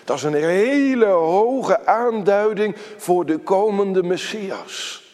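A man preaching a sermon to his congregation, slow and emphatic, quoting scripture in a solemn tone. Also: high-pitched, expressive, a little mellow. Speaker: pastor. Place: church. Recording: church hall reverb.

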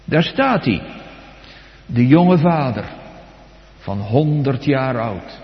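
A man preaching a sermon, dramatic and swinging between soft and loud, putting direct questions to his congregation. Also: medium pitch, animated, takes it slowly. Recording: echoey hall, dull lo-fi sound.

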